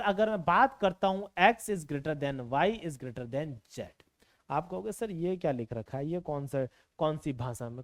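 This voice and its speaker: Male chemistry tutor, online lecture; lively swooping delivery, coaxing and repetitive, dry close mic. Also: high voice, no room sound. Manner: slow dictation, repeating phrases; coaxing, calls students beta and bhai. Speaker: chemistry teacher. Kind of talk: online exam-prep lecture.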